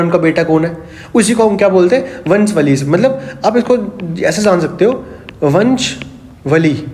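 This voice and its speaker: A man speaks in a noticeably high voice as he teaches an exam prep history class. He keeps asking rhetorical questions and answering them, repeating key terms over and over. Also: a little mellow. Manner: explains with rhetorical questions and repetition.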